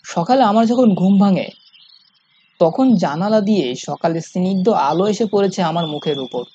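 A man's voice: sits high, moderate pace, slight background noise. A man narrating a scripted first-person horror story in a suspenseful, dramatic manner. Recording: dull lo-fi sound, music behind. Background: loud music.

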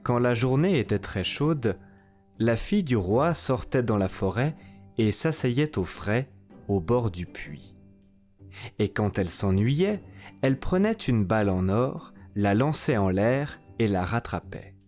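A man's voice: mid-range voice, lively intonation, a little mellow, faint music behind. A man narrating a fairy tale in a scripted storytelling style. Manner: slow, melodic storytelling.

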